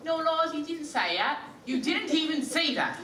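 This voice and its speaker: A man's voice: extremely high pitch, lively intonation, normal speed, pushed and bright, a little hiss or hum, full character voice. An actor playing an impatient phonetics professor in a stage musical. He lectures and repeats his corrections in exasperation. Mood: lecturing. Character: impatient male phonetics professor, brisk and bossy. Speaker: student actor. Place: school theatre stage. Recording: echoey hall from far off.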